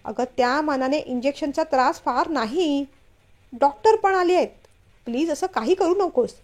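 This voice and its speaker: A woman's voice: high-pitched, moderate pace, close to an everyday voice. Woman voicing a stern scolding young husband. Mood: pleading. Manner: scolding, firm, louder.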